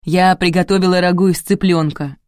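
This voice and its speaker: A woman voicing a brisk, bossy older woman who runs the household, read in an audiobook. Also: lowish voice, fairly even intonation, darkish tone, no echo, studio quality, natural voice. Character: fussy elderly woman, house owner.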